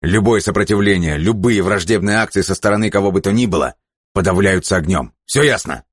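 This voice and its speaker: A man's voice: sits low, fairly quick, breathy edge, dry recording, clean studio sound, pitched above the performer's own voice. A man barking as a furious ruthless commander. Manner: barking orders, shouting in rage.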